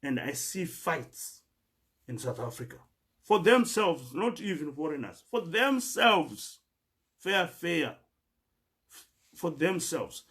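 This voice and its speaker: A man from Zimbabwe, speaking with a Zimbabwean accent, gives an earnest, scripture-citing monologue to fellow migrants, repeating words and stumbling as he looks for the next. His voice is a little high, sing-song and a bit bright, and he speaks slowly, pausing often.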